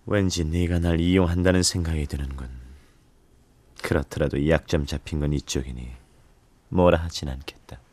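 A man's voice: rumbling low, fairly even intonation, normal speed, a little mellow, dry recording. An actor playing a commanding immortal demon king in an audio drama, terse, cool and authoritative. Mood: cool, assured. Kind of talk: dramatized comic audio acting.

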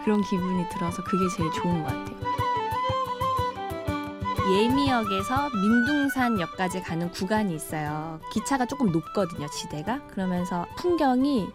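A woman's voice: mid-range voice, expressive, moderate pace, over loud music. A woman in her thirties, a tourist train attendant, answering an interview in an earnest, reflective way.

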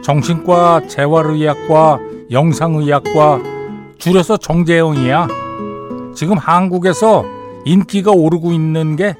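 Relaxed male radio DJ, faint music. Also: on the high side, measured pace. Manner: relaxed banter, reads messages aloud and comments. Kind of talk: radio show, reading stories and listener messages. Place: radio studio.

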